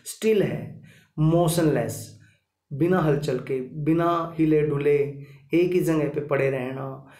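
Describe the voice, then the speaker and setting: A man's voice: fairly high pitch, takes it slowly, darkish tone, reverberant. A man teaching a vocabulary lesson, repeating each word several times and checking in with his listeners as he goes. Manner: repetitive, drilling each word with "ठीक है".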